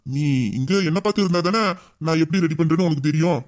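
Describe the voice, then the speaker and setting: A man's voice: a little high, quick pace, a little mellow. A man playing a flirtatious male boss who teases a staff member in a Tamil audio drama. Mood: teasing. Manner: teasing, playful and bossy. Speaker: boss voicing a romantic male lead.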